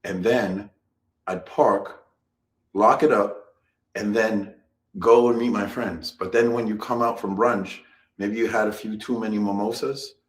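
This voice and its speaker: A man with a low-pitched voice co-hosts a casual live stream, talking in a loose, rambling way and circling back over his own phrases. He laughs easily. His voice carries an echo from the room around him. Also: fairly even intonation, measured pace. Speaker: co-host.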